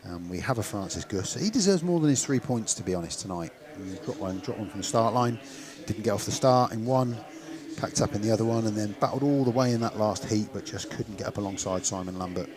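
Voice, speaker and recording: Male speedway commentator, West Country English accent, lowish pitch, conversational and unscripted, clear crowd noise behind. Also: brisk. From West Country, England. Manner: conversational, thinking aloud. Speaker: speedway commentator and stream host. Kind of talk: live sports commentary, chatty and informal. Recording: crowd noise at outdoor venue. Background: speedway stadium crowd.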